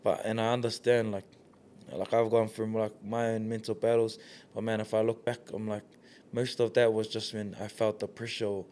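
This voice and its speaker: A man's voice: fairly low pitch, level tone, normal speed, darkish tone, a little hiss or hum. A man, a guest talking in a casual, earnest interview, leaning on lots of "like" fillers. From New Zealand. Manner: earnest, laid-back, many "like" fillers. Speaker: guest, community leader.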